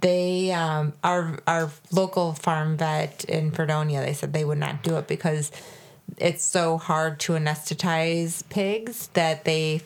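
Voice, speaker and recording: A woman with a notably low, deep-set voice chats casually as a podcast co-host. She rambles and circles back on her points, stacking fillers and restarts as she goes. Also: fairly even intonation, slow. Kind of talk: casual chat.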